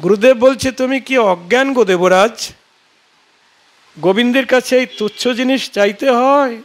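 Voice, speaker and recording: High-voiced Bengali preacher, slow and chanting. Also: male voice. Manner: slow, drawn-out chanting of verses; tells scripture stories acting out dialogue. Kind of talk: devotional sermon with sung verses.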